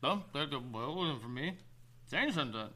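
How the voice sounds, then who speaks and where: A man with a Boston accent, a podcast co-host trading casual comic banter with deadpan jokes. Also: a little high, normal speed.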